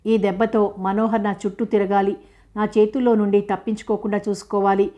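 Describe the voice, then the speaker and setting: A woman's voice: mid-range voice, level tone, a little fast, lo-fi sound, lightly acted. A woman voicing a scheming young man who talks gleefully.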